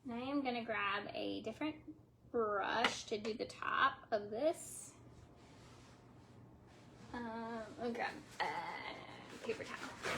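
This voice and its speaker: A young craft vlogger chats casually with viewers in a live session while refinishing furniture at home, often trailing off mid-thought as she works. Her voice is a little high, slow and fried, with a slight lisp and long pauses. Background noise can be heard.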